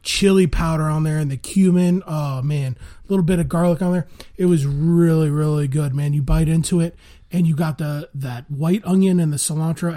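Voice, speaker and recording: Easygoing man with a mellow voice. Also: fairly high pitch. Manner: relaxed, drawn-out food praise, says "man" a lot. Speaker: podcast co-host. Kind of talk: casual chat.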